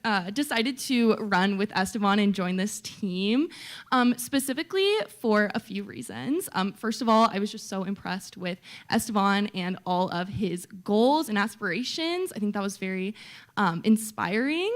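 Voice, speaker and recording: A woman's voice: mid-range voice, expressive, moderate pace. A young woman, a student candidate, answering in a debate in a chatty, hesitant way full of fillers. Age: young adult. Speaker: student vice-presidential candidate.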